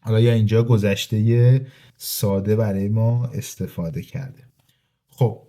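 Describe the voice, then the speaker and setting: A man teaching a language grammar lesson, reading example sentences slowly and then explaining them quickly to his students in a casual way. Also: lowish voice, steady tone, mellow. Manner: addresses listeners informally as "kids". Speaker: German teacher.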